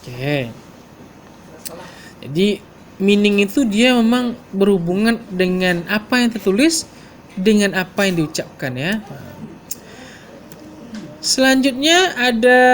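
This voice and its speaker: A man's voice: very high-pitched, a bit bright, slight background noise. A man giving an explanatory lecture, thinking aloud with frequent fillers and reading English passages aloud.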